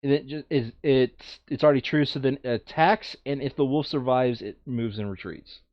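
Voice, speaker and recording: A man with a medium-pitched voice talks at a moderate pace while casually playing a board game on a playthrough show, reading the rules and thinking out loud as he narrates each move. The audio is muffled, with no room sound.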